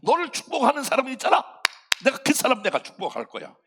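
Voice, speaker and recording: 한 남자 목사가 설교 중에 아브라함을 안심시키며 약속하는 하나님의 목소리를 흉내 낸다. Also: male voice, extremely high pitch, huge pitch swings, fast talker, a bit bright, breathy edge, pitched above the performer's own voice, full character voice. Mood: reassuring. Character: God, male, reassuring and protective.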